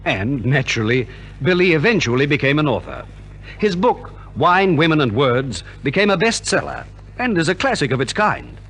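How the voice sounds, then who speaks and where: In a 1950s radio transcription recording, an Australian man acts as a formal, theatrical compere for scripted radio. His voice is fairly high, sing-song and a bit bright, at normal speed.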